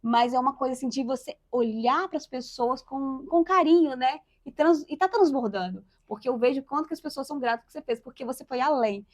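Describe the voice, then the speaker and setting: A woman's voice: high-pitched, fairly quick, hardly any pauses. A woman hosting an interview, encouraging her guest and speaking to the audience directly. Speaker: interview host. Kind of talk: conversational interview.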